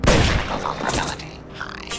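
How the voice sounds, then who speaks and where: An actor voicing a damaged security robot in a video game, with a creaky robotic filter and clipped, mechanical status reports. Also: male voice, fast, loud music behind the voice. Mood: malfunctioning. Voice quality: gravelly, grinding low voice. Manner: clipped status reports in short flat phrases. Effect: creaky robotic voice filter, sounding broken.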